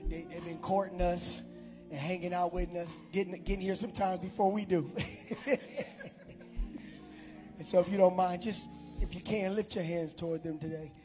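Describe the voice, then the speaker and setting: Over music, a middle-aged man pastoring a large church hall prays and gives announcements on a handheld mic. His high voice moves at a moderate pace with frequent pauses, animated and shouting to the congregation.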